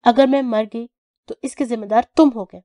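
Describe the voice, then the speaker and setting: A brave yet childish young heroine who whines and pleads, her voice pushed up high, as a woman reading an audio novel puts her on. The tone stays warm and soft-edged. The reading sounds close and dry. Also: fairly even intonation, no echo, natural voice. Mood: sulky. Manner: whiny, pleading, raised and pitched up. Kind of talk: audio novel character voicing.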